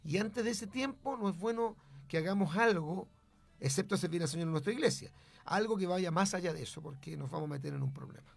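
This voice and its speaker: A man's voice: high-pitched, lively intonation, fairly quick, creaky. A man, a pastor and radio host, telling a testimony in an emphatic, preacherly way. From Chile.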